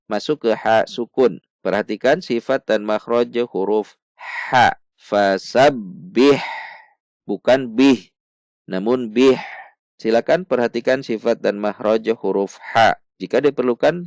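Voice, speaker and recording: A man teaching Quran recitation in a slow step-by-step lesson, patiently repeating each syllable, contrasting right and wrong sounds and chanting verses melodically. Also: fairly low pitch, a little mellow, no echo.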